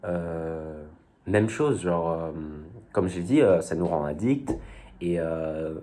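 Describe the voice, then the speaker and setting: A man's voice: low voice, takes it slowly, dark tone. A young man talking casually to his viewers, rambling and hesitant, full of fillers and youthful slang. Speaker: vlogger. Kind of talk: casual talk to camera.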